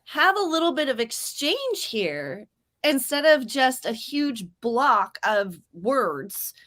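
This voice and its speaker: A young woman runs a writing stream and chats casually, telling lively stories and acting out quoted lines with big leaps in pitch. She speaks at a slow pace.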